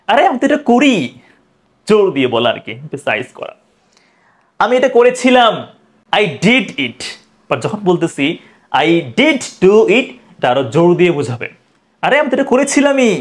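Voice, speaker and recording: A man teaching English in a video lesson. He repeats example sentences slowly and keeps asking the viewer questions. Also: sits high.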